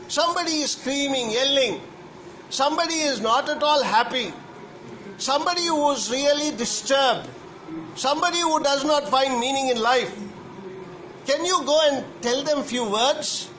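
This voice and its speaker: A man's voice: extremely high pitch, pushed and bright, slight background noise, low-quality recording. A priest giving a homily to children, asking them question after question and repeating himself as he goes. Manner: slow, questioning, repeats questions to young listeners. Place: church.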